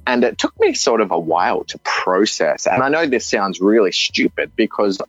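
A man in his thirties with an Australian accent gives an earnest personal testimony, halting and frequently restarting his sentences. His fairly low voice is sing-song and a bit bright, in a dull, dry recording with faint music.

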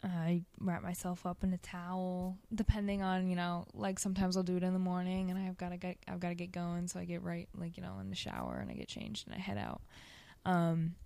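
A woman's voice: fairly low pitch, brisk, vocal fry, warm tone. A young woman guest speaking casually in an interview, with hesitant, informal phrasing that tends to trail off. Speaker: podcast guest, ice bath coach.

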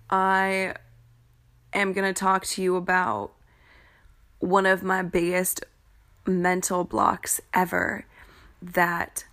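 A woman with a fairly low, fairly bright voice hosts a confessional podcast. She tells personal stories candidly and informally, swearing casually as she goes.

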